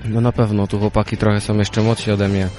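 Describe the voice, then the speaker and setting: Monotone young male junior rider. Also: on the low side, a little fast, faint music behind. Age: young adult. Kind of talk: post-race interview.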